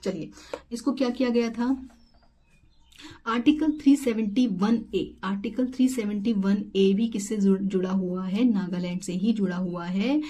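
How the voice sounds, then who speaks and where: A woman's voice: mid-range voice, a little slow, dark tone. A woman teaching an exam-prep lesson, explaining step by step with rhetorical questions and English terms mixed in. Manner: mixes English terms into Hindi.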